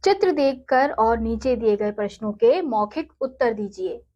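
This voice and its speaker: A woman teaches a primary school lesson, explaining each step patiently and reading verse lines slowly. Her voice sits fairly high. The recording sounds muffled and lo-fi. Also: expressive, dark tone.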